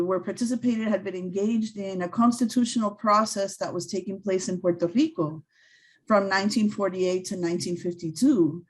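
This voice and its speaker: A woman's voice: mid-range voice, poor audio. A woman speaking on a panel discussion, thoughtful and searching for words, with many fillers and restarts. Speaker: scholar on a panel. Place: event venue.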